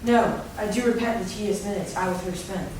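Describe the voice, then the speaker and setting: A woman's voice: medium pitch, fairly even intonation, brisk, natural voice. Woman as a passionate young lover: earnest verse, distant echoey hall sound. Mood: ardent. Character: ardent young male lover. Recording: echoey hall from far off, noisy.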